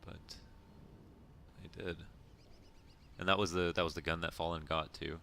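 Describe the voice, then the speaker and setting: A man casting a live esports match, analytical and quick to laugh. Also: sits low, flat delivery, creaky, pushed and bright, slight background noise. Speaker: esports caster. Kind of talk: casual live commentary banter.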